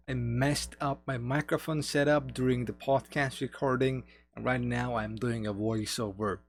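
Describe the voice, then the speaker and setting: A man's voice: medium pitch, vocal fry. A man co-hosting a podcast, reading a careful voice-over introduction. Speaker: podcast co-host.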